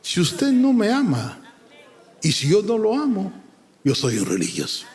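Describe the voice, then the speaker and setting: A high-voiced man preaches with a lively, swooping delivery, calling out to his listeners as brother and slipping into sung phrases. He takes his time over the words, and his voice rings out with a long hall reverb. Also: measured pace. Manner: emphatic, addresses listeners as brother, sings lines. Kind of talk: sermon.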